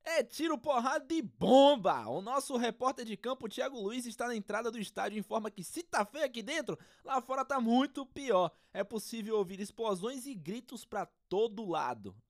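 A theatrical narrator delivering scripted football radio commentary with urgency. The pitch is very lively and the recording is dry and close. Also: normal speed, few pauses, no echo. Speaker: podcast narrator and host.

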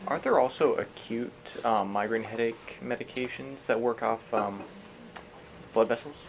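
A man's voice: mid-range voice, normal speed, creaky, slight background noise, poor audio. A man in a class asking a hesitant question with fillers from the audience. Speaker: student.

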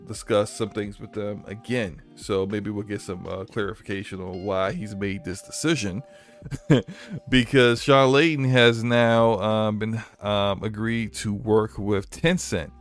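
A man with a fairly low voice chats casually on a gaming podcast, often stumbling over words and breaking into laughs. A faint music bed sits behind him. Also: unhurried. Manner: animated, laughing, many restarts. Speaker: podcast host. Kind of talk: casual gaming news chat.

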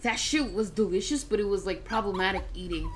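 A young woman vlogging in casual chat, high and giggly, rambling and swearing. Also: expressive, a little fast, slight background noise.

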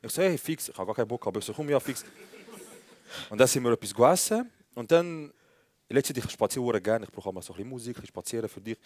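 Fast-talking Swiss German young man. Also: medium pitch. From Switzerland. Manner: animated anecdotes acting out dialogue, slangy. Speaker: podcast co-host. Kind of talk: live comedy podcast storytelling.

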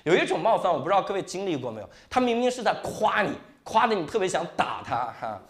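Lively high-voiced male stand-up comic. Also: quick pace. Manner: animated storytelling with frequent tag 哈 and 是吧. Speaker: stand-up comedian. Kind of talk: stand-up comedy set. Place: comedy stage before a live audience.

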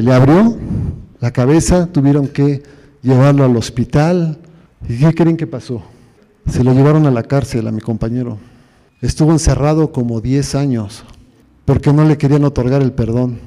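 A man's voice: a little high, dark tone. A man preaching a sermon, telling stories and asking the congregation questions. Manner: storytelling, asks the congregation questions. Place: church hall. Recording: long reverb of a church hall.

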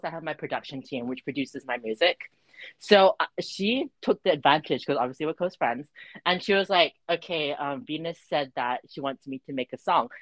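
A woman's voice: sits low, dry recording, poor audio. A woman co-hosting a chaotic casual chat, giggling, rambling and teasing her friend with the odd swear. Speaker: co-host.

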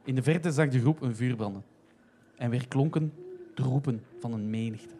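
A man narrating a comic story in a steady, even way. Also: medium pitch, normal speed, noisy background.

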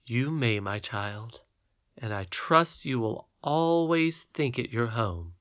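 A man reads from a bedtime storybook as a calm, wise, ancient great-great-grandmother, using a mid-range voice close to his own. She speaks gently and tenderly, reassuring in a measured way. The audio is dull and lo-fi.

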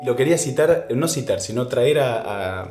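A man in his thirties with an Argentine accent, a voice actor talking in a relaxed interview, reflective and often restarting his sentences. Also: mid-range voice. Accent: Argentine Spanish. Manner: reflective, halting with many restarts. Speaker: voice actor guest. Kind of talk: casual interview chat. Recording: echoey room with faint music.

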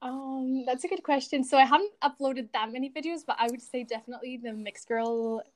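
A young woman from Spain and Scotland chats casually as a podcast guest and video creator. Her high-pitched, brisk voice carries a shifting accent that blends Scottish and American, and her manner is chatty and informal.

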